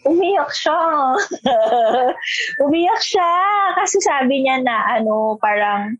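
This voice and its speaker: Speaking slowly in a high, slightly rough voice, a chatty woman in her twenties from Metro Manila shares stories with a Filipino accent. She is feisty and animated, mixing Tagalog and English and impersonating the people she quotes, in a dry, somewhat muffled recording.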